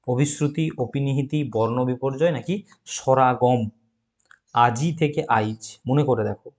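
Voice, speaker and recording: Bengali teacher quizzing on grammar. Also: male voice, mid-range voice, darkish tone. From West Bengal. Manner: asks questions and answers them himself; repeats key words and drags them out slowly. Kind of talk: exam-prep grammar lesson.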